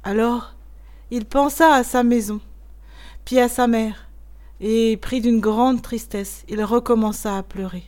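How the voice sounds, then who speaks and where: A woman narrating a classic tale in a measured, expressive storytelling voice. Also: on the high side. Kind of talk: audiobook reading of a classic tale.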